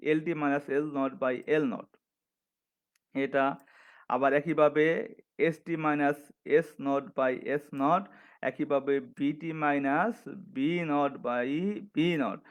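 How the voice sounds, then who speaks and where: A man's voice: a little high, fairly even intonation, slow, smooth. Methodical male physics instructor, lo-fi audio. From Bangladesh. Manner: methodical, dictating formulas step by step, restarts and self-corrections. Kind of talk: recorded classroom lecture. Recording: slightly dull lo-fi audio.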